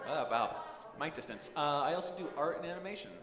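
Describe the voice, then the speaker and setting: A woman comic chatting on stage in a giggly, quick, self-mocking way. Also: low voice, expressive. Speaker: comedian. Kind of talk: casual banter on stage. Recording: echoey room, loud crowd.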